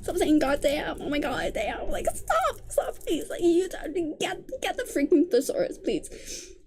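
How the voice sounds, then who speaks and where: A woman's voice: sits high, expressive, a little slow, warm tone, slight background noise. A young woman casually ranting about books she read, exasperated and dramatic, often pleading. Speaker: book vlogger. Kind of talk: casual ranting book review.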